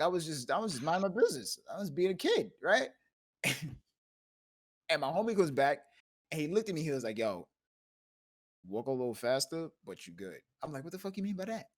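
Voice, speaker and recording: A man from the Bronx telling stories in a casual live-stream group chat, acting out the quotes and laughing often over a voice call. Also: high voice. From the Bronx, New York. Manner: animated storyteller who laughs often and acts out quotes. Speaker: streamer and discussion host.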